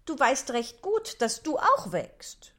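A man voicing Alice, a polite little girl, in a high, breathy falsetto as he reads a story aloud. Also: wildly swooping pitch, slow pace, bright, forceful tone, heavily acted. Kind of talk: audiobook reading.

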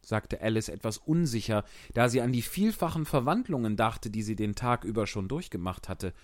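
A man reads a children's story aloud with expressive, animated narration. His voice moves a lot in pitch as he tells it. The recording is dry and close, with no room sound. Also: moderate pace, no room sound. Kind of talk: storybook reading.

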